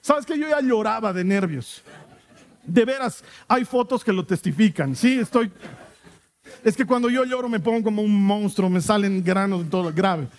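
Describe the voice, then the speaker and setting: Animated high-voiced pastor telling a story. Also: male voice, normal speed. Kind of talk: sermon storytelling.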